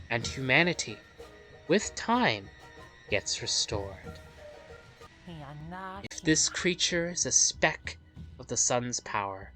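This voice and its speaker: This let's play host is a woman with a low, fairly bright voice, captured in a low-quality recording. With game music in the background, she reads the story dramatically like a storyteller, adding interjections and commentary.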